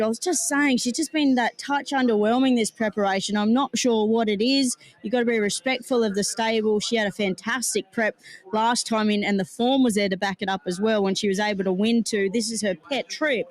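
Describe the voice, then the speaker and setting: A man co-hosting a horse racing broadcast, giving upbeat, quick picks and banter. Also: sits high, steady tone. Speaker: racing analyst.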